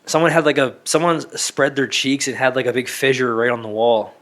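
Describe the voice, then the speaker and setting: A man's voice: medium pitch, a little fast, fairly bright tone. Joking, crude male podcast co-host. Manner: joking, crude, acts out little scenes. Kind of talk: casual crude banter.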